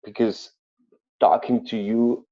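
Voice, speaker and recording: A man with an Austrian accent, a chef telling stories in an interview, speaking haltingly with many fillers and restarts. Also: medium pitch, level tone, highs cut off. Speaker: chef guest. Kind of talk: conversational interview storytelling.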